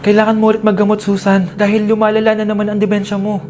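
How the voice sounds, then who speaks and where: A woman voicing a calm, grave doctor in an animated skit, with a somber, measured way of speaking. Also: medium pitch, soft background music, voice pushed down, lightly acted.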